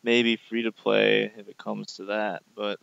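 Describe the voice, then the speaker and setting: Young man, exasperated complaining rant, flat low delivery, dull dry recording. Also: measured pace, gravelly, clean tone, dry recording. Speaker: gaming video creator. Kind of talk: informal spoken rant.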